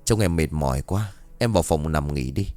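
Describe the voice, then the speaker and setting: A man voicing a worried middle-aged father who talks in a low, brusque, gruff way. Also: expressive, moderate pace, mellow, faint music behind.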